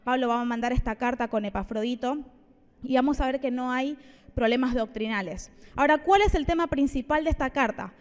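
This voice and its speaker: A woman preaches in a high voice, keeping her sermon conversational and playful with asides to the congregation. Her voice carries a long reverb from the church hall. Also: a little fast. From Argentina.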